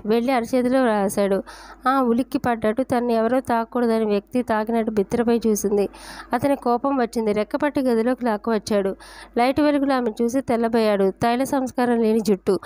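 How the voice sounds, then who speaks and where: A woman narrating a family drama story in a steady, even reading voice. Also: a little high, no room sound.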